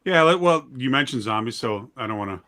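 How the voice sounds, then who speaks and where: A brisk, sharp-toned man with a mid-range voice and lively intonation is being interviewed about his work writing and directing audio drama. His talk is casual and direct, he downplays himself, and he's emphatic about what he holds true.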